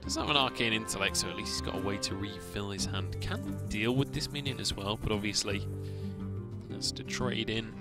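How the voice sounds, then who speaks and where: Lowish-voiced man casually casting esports. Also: fairly quick. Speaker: esports commentator. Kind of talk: live card game commentary, casual chat. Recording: loud guitar game music behind. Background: loud game music with guitar.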